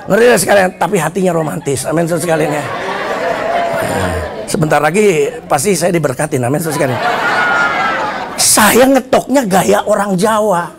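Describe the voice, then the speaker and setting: Gravelly, animated Indonesian preacher man. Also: fairly high pitch, moderate pace, a crowd in the background, noisy background. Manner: animated storytelling, acting out shouted dialogue. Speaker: pastor. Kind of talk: lively comedic sermon. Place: church service.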